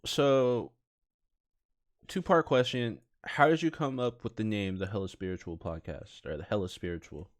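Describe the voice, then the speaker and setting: A man's voice: lowish voice, moderate pace. A young man with a Californian Bay Area accent hosting a casual live podcast in laid-back, slangy bro talk. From San Francisco Bay Area, California. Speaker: podcast host.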